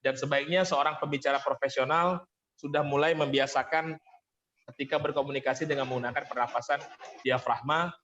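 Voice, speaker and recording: A man's voice: mid-range voice, fairly even intonation, brisk, a bit bright, dull audio. A man running an online workshop as a vocal training coach, explaining patiently and thanking participants often.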